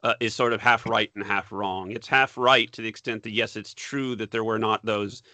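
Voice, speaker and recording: A man, a professor being interviewed, explaining history in a measured way and repeating words as he thinks. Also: fairly low pitch, fairly even intonation, sharp tone, no room sound. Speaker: guest, political science professor. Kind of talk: academic interview.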